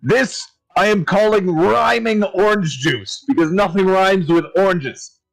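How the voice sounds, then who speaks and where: A man's voice: sits high, unhurried, vocal fry, pitched above the performer's own voice, poor audio. A thrifty tavern keeper rambles offhandedly about what he sells, as a man puts him on. He is chatty and fussy about keeping his mugs clean. It is a tabletop game figure with an everyday sound.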